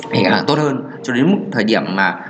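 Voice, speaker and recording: A man's voice: mid-range voice, lively intonation, brisk, noisy background. A man hosting a casual solo podcast about marketing. He rambles with many fillers and restarts. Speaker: podcast host.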